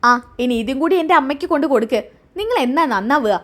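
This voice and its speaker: A woman voicing a sulky, sharp-tongued young wife who answers curtly and defiantly. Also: high-pitched, expressive, fast. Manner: curt, defiant.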